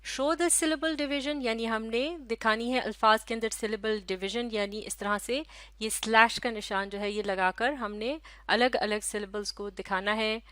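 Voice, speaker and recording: Slow, careful Pakistani teacher woman. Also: fairly high pitch, steady tone, pushed and bright, no echo. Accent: Pakistani Urdu. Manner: slow, careful, drawn-out syllables for children; asks questions and answers them herself. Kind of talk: recorded classroom lecture.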